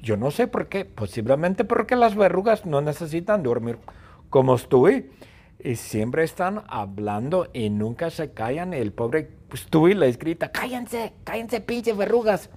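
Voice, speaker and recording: Un hombre que narra un cuento absurdo de forma juguetona y repetitiva. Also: male voice, fairly high pitch, unhurried, slightly rough. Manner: playful, repetitive, animated. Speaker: storyteller. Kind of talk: playful story narration.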